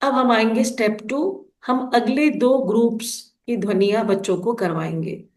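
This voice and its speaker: A woman's voice: fairly high pitch, measured pace, a little mellow, reverberant. A woman explaining phonics rules to teachers in an instructional lesson, sounding out letters one at a time.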